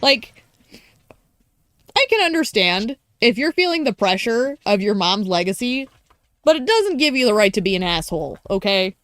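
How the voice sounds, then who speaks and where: A woman's voice: medium pitch, very animated, moderate pace, fairly bright tone, dry recording, low-quality recording. A woman streamer giving casual gameplay commentary, talking in a blunt, exasperated, chatty way.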